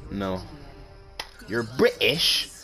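Man, casual gaming banter, swearing, lively pitch, music behind. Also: drawn-out words. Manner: joking, swears, teasing banter. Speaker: gamer streamer.

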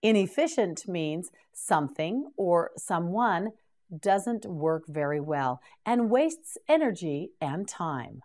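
A woman teaching English vocabulary, saying each word slowly and patiently prompting the learner to repeat it. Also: fairly low pitch, very animated, darkish tone. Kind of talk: slow drilled word repetition.

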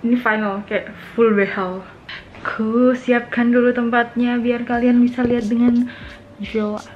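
A woman's voice: a little high, flat delivery, measured pace, slight background noise. A young woman vlogger chatting playfully to her viewers while talking behind her hand. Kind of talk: casual chat to camera. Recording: dull lo-fi audio with faint music.

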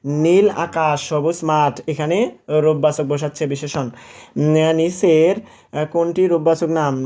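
Teacher, young man, mellow tone, slightly high, quiz-style walkthrough. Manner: explains step by step, quizzes and answers himself, corrects slips with "sorry"; drawn-out example words, repeated aloud. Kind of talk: exam question walkthrough.

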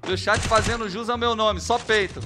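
A young man streaming a shooter game in casual chat, excitable and swearing constantly, shouting at big plays. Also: sits high, a little fast, very noisy. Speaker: gaming streamer. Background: game music and gunfire.

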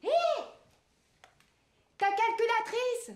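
A woman's voice: extremely high pitch, steady tone, drawn-out words, noisy background. A woman in her thirties playing a fussy café owner in a scripted language-course drama, scolding and exclamatory. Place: café, indoors and on a terrace.

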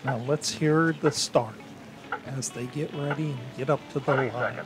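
A man giving measured, explanatory race commentary. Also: mid-range voice, music in the background, poor audio.

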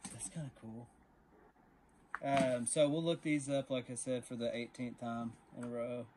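Here the storage unit vlogger from Texas speaks unhurriedly in a mid-range, a little mellow voice with fairly even intonation, though the audio is poor and faint background noise is present. Chatty and addressing viewers as y'all, he sorts an outdoor unit before continuing inside a truck.

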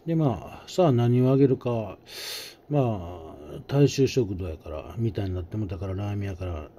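Man, middle-aged, Kansai accent, casual storytelling, folksy, low pitch, dark mellow tone. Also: expressive, moderate pace, slight background noise. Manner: chatty, folksy, acts out the voices. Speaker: storyteller host. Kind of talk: casual anecdote telling.

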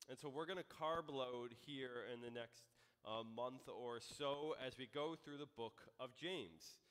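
A man's voice: mid-range voice, unhurried, fairly bright tone, clear, resonant tone, big-room sound. An American man in his thirties, a pastor giving a conversational sermon with frequent ums and restarts. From United States. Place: church sanctuary.

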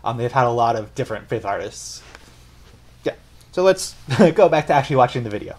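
Young adult man, mid-range pitch, casual reaction host; rambling, self-correcting explainer. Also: expressive, brisk, slight background noise. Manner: chatty, explains at length and corrects himself. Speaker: music reaction channel host. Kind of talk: casual reaction and analysis talk.

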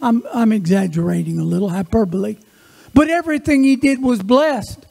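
A male preacher giving a sermon in church, telling Bible stories in a lively, folksy way with joking asides. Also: high voice, a little fast, gravelly. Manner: animated, folksy storytelling with asides. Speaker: guest preacher.

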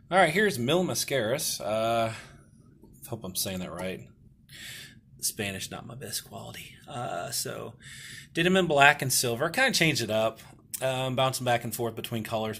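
A man's voice: mid-range voice, vocal fry, fairly bright tone, slight background noise. A man casually walking through his toy customizing work, rambling and hesitant with many fillers and restarts, a bit self-deprecating. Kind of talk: casual hobby vlog walkthrough.

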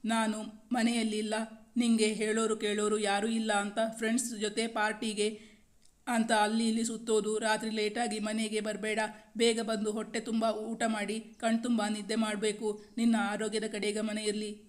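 A woman's voice: medium pitch, monotone, normal speed, natural voice. A woman voicing a loving, anxious young pregnant wife who speaks earnestly. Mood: advising.

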